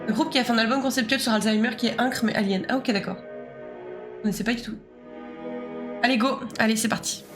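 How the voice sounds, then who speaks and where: A young woman streaming a game live, chatting and joking with her viewers in a casual, rambling way. Her voice sits a little high. Game music plays faintly behind her. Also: steady tone, fast talker, pauses often. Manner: chatty, joking, talks to chat.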